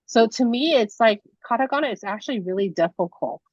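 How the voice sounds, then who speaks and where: A young woman from Taiwan with a higher voice and lively intonation speaks a little fast during a casual lesson, chatting along with fillers and restarts. Her first language is Mandarin, and the recording is dry, dull video call lo-fi.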